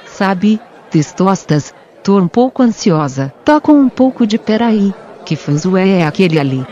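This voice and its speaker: A performer voicing a calm, doting mother in a comedy sketch who soothes her family. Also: mid-range voice, a little slow, muffled recording, crowd noise. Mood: soothing.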